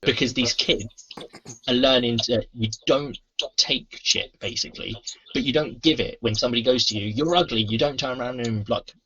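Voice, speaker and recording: Bright, husky man explaining earnestly. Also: medium pitch, moderate pace. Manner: earnest, explanatory, acts out quoted lines. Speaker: anti-bullying trainer, podcast host. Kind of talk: casual convention interview chat. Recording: muffled lo-fi convention recording.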